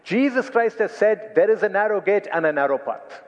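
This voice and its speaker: A dull recording with long hall reverb carries a man's sermon. He speaks with an Indian accent in a high voice. His delivery is emphatic, returning to key phrases and slowing on them for weight. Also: lively intonation. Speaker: preacher.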